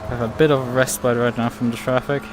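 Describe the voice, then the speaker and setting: Man sim racing over clear engine noise. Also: medium pitch, little pitch movement, fast talker. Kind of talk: casual live race commentary while driving. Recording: race car engine noise behind voice.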